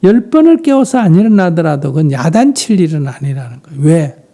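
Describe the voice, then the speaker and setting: A man with a Gyeongsang Korean accent, a Buddhist monk calmly answering questions in a dharma talk, often trailing off into a breathy half-whisper. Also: fairly high pitch, brisk.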